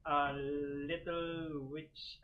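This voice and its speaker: A man's voice: fairly high pitch, flat delivery, extremely slow, phone-quality sound. A man on a casual gaming podcast giving opinionated takes, thinking aloud with many fillers. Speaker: podcast co-host.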